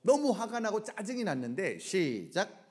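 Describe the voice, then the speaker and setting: High, animated Korean man preaching. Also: normal speed, slightly rough. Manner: animated, asks the congregation call-and-response questions, bursts into shouts. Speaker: guest revival preacher. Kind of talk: lively revival sermon.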